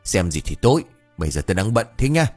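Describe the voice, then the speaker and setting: An old village master with a short fuse, played by a male narrator scolds bluntly, his voice husky and lively. His tone swings quickly between nagging and curiosity. Soft music runs under the storytelling. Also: lowish voice. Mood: scolding.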